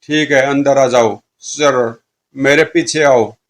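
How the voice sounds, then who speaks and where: A man's voice: medium pitch, fairly even intonation, slow pace, natural voice. A man voicing a sinister male servant of a haunted mansion, curt and cold.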